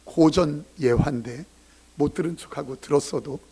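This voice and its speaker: A middle-aged male pastor preaching a sermon and telling a story, swinging dramatically between hushed and loud. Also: on the high side, normal speed, creaky, breathy edge.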